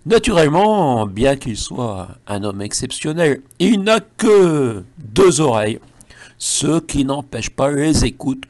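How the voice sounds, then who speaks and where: A man's voice: medium pitch, no room sound. A man with a French accent delivering a mocking satirical monologue full of ironic asides. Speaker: satirical commentator.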